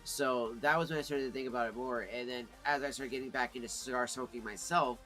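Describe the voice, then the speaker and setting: Male livestream host, medium-pitched, casual and chatty with a rambling, informal delivery over faint music. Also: steady tone, quick pace, fairly bright tone. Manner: informal, rambling, addresses chat as friends. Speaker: livestream host reviewing pipe tobacco.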